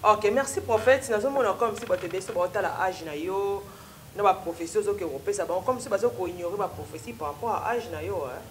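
A woman's voice: mid-range voice, fairly quick, a little hiss or hum. Congolese woman interviewer asking questions. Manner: brief affirmations and questions. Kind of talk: studio interview. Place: TV studio with stone wall backdrop.

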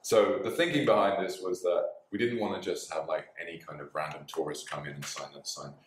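A man's voice: low-pitched, fairly even intonation, brisk, noisy background. A man in his forties, an interview guest who owns a bar and dojo, talking in an easygoing way with lots of fillers and laughs, recorded from a distance in a small bar. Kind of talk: relaxed conversational interview. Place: small bar with signed walls, indoors. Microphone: far camera in the room. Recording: echoey room from a distance.

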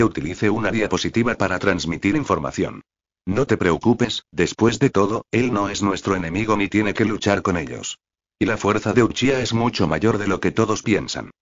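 Low in pitch and steady in pace, a male narrator reads an audiobook without much expression. His recording is lo-fi and dull, lacking high frequencies.

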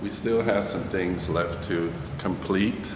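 Low-voiced and slow, with fairly even intonation, a man chats and rambles with fillers while touring his two-story house, partly on a balcony. Background noise accompanies the footage from his handheld phone camera as he walks.

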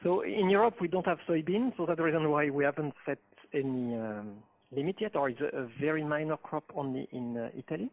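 A man on a webinar panel answers questions in a slow, halting way, pausing often to find his words. His voice is gravelly, and it comes through a thin, phone-like line. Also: fairly high pitch. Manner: halting, many pauses and fillers. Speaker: webinar panelist, seed treatment expert.

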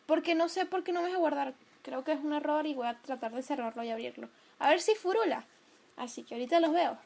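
A woman's voice: sits high, fast, creaky, slight background noise. A woman hosting a horror game playthrough, chatty and jokey, swearing and laughing as she plays. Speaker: gaming video host. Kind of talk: horror game let's play commentary. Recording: game music playing loudly behind. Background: game music.

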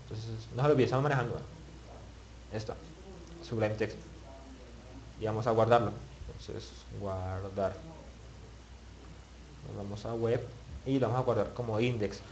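A man's voice: fairly low pitch, steady tone, normal speed, pauses often, a little mellow, muffled recording. A man teaching web page building in a screen-recorded tutorial, thinking aloud and muttering as he clicks, with many restarts. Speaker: web development instructor.

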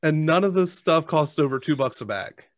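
A man's voice: fairly high pitch, expressive, moderate pace, dry recording, studio quality. An American man in his thirties chatting casually and matter-of-factly as he hosts a snack review. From United States. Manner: matter-of-fact, eats crunchy snacks while reviewing. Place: indoors, at a desk on a video call. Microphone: headset.

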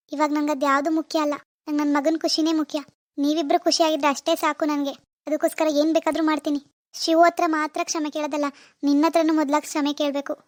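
A woman's voice: high voice, dry recording, lightly acted. A woman playing a remorseful middle-aged mother-in-law who earnestly begs her daughter-in-law's forgiveness in a homemade family drama skit. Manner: earnest, pleading, apologetic.

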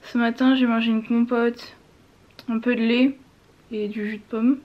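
A young woman with a slightly high voice talks to the camera like a vlogger. Her mouth is swollen and sore after having wisdom teeth out, which hampers her speech. She keeps it informal and self-deprecating. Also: little pitch movement, measured pace, lo-fi sound. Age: young adult. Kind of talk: casual chat to camera. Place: small room at home, indoors.

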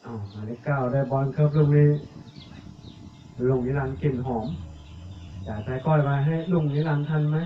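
A man giving live commentary on a village football match, reeling off player numbers and names and getting louder on attacks. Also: medium pitch, a little fast, pauses often. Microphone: cheap tablet recording. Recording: echoey, tinny, phone-like audio.

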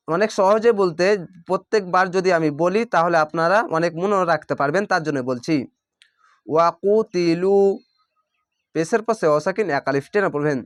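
A high-pitched man gives a patient recitation lesson in a Bangladeshi Bengali accent, stretching out sounds slowly and repeating the rules. The recording is dry and close, with no room sound. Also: no echo. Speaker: Quran reading teacher.

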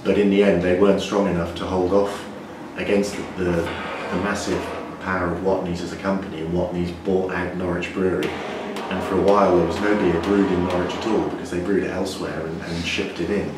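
A man in his forties, a brewer, explaining things in a measured way with frequent restarts during an interview in a brewery. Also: low voice, level tone. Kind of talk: interview answers. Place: indoor brewery floor. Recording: echoey, distant, noisy brewery room.

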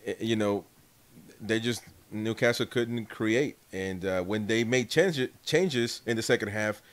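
A young man with a fairly low voice talks football as a livestream host. His delivery is casual and halting, often doubling back on words as he works out a point. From United States. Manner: halting, repeats words while thinking. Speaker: host and Newcastle fan. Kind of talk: casual football watchalong commentary. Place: small indoor room at home, video call.

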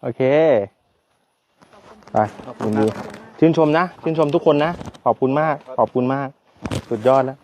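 A man's voice: mid-range voice, measured pace, pauses often, a little mellow, a little hiss or hum. A man thanking and praising soldiers, casual and upbeat, on location outdoors. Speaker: visiting host.

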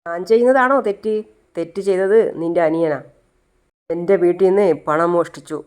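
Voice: medium pitch, moderate pace, smooth, close to an everyday voice. A narrator voicing a harsh middle-aged mother who accuses and scolds insistently. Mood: accusing.

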